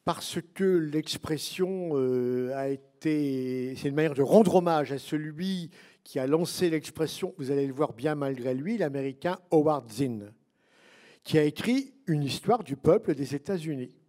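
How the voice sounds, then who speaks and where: A man's voice: a little high, a little slow, dark tone. A man who is one of a book's authors, answering an audience question at a public talk, digressive with wry asides and many fillers.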